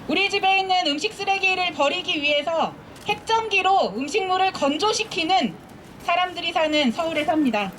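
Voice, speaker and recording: High-voiced woman giving a rally speech. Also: expressive, a bit bright, a little hiss or hum. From Seoul. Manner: earnest, measured, repetitive phrasing. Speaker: activist speaker at a rally. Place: outdoors at a street protest.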